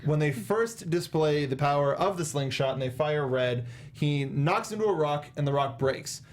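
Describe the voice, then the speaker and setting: A young man, sounding a little high-pitched and animated, co-hosts a casual film review chat at normal speed, playfully sarcastic and mock-dramatic. He sits close to a desk microphone with a foam windscreen in a small indoor studio, monitoring on a headset.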